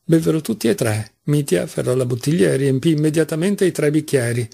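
A man narrating a classic novel as an audiobook reader, in a measured, even reading. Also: on the high side, vocal fry, breathy edge.

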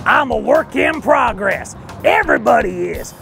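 Man playing a high, gravelly Southern trucker kids show host. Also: animated, unhurried, faint music behind, full character voice. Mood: jovial, boastful. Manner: loud, exuberant, exaggerated folksy delivery. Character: boisterous, boastful, folksy male trucker Big Papa. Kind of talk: scripted children's Bible show.

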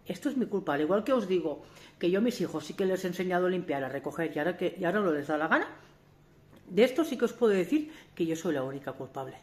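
A woman's voice: on the low side, animated, quick pace. Candid, emphatic woman talking to camera. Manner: candid and emphatic, full of restarts and rhetorical questions. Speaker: family vlogger.

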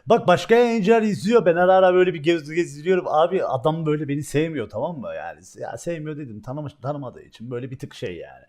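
A young man streaming, telling a story in casual chat, animated and full of swearing, jumping between loud outbursts and quiet asides. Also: on the high side, fast, few pauses.

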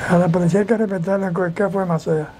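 A man in his nineties with a Dominican Spanish accent, recalling the past in a casual interview, halting and repeating his phrases. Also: sits high, steady tone, mellow. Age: 90s. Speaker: interview guest, elderly witness recalling the past. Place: outdoors against a house wall. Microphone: lapel mic. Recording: clear outdoor ambient and traffic noise.

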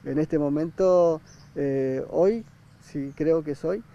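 Guy managing a beach camp, raspy low-toned voice, lots of ehs, dull outdoor recording. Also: takes it slowly, warm tone. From Argentina. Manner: hesitant, many fillers and restarts. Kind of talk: outdoor TV interview. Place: outdoor park by a river. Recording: dull sound, faint outdoor noise.

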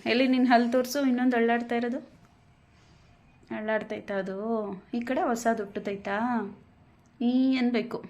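Woman gently coaxing a child. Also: on the high side, little pitch movement, fairly quick, pauses often, dull audio. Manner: gentle coaxing, soothing a crying child with questions. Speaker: parent filming her child. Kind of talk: casual home video talk.

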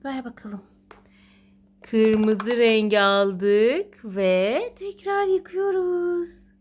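With drawn-out words and an expressive, slightly high voice, a woman narrates educational play to her small child. She's encouraging and sing-song, repeating her praise. The recording, made at home, is clearly noisy and has clicks.

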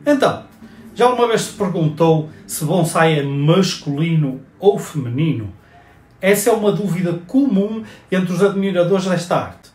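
A man's voice: high voice, animated, moderate pace, a little mellow, soft background music. Male host, casual lesson delivery, talks you through it step by step, echoey room. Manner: chatty, explains step by step. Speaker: bonsai channel host. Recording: roomy echoey recording.

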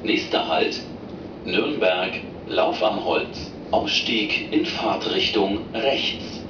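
A man reading scripted station announcements in a formal, measured way over a train intercom. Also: low-pitched, lo-fi sound. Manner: formal, measured, in short set phrases. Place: inside a commuter train carriage. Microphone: recorder far from the train's loudspeaker. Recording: echoey, noisy train cabin, distant loudspeaker. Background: loud train noise.

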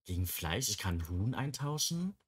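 Low-voiced man chatting through a game. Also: sing-song, unhurried, breathy edge. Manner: chatty, talks to the game characters in baby talk. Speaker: Let's Play gamer. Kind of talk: casual gameplay commentary.

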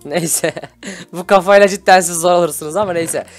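A man hosting a Minecraft role-play video, excitable and scolding with loud exclamations. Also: high voice, moderate pace, faint music behind. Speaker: gaming video host.

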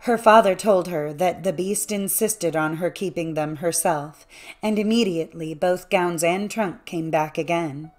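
A woman narrating a classic fairy tale as an audiobook, in a measured, even storytelling manner. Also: fairly low pitch, soft background music.

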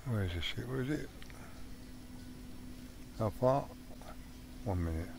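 A man's voice: mid-range voice, animated, slow pace, vocal fry, noisy background. A man giving casual let's play commentary on a game he is playing, thinking aloud as he goes with frequent ums. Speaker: gaming channel host.

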